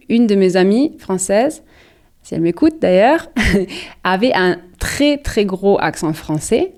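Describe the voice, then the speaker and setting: A French woman co-hosting a podcast, chatting casually, often pausing to search for words and laughing easily. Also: mid-range voice, a little mellow. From France. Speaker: podcast co-host. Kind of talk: casual chat.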